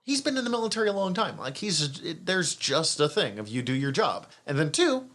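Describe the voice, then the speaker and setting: A man's voice: a little high, big pitch swings, a little fast, a bit bright. A man co-hosting a podcast, chatting casually about a TV series, swearing freely and laughing often. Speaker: podcast co-host. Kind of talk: casual review chat.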